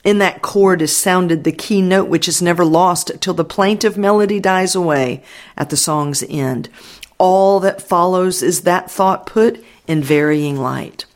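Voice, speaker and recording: A man narrating an audiobook in a measured, reverent way. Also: high-pitched. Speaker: audiobook reader.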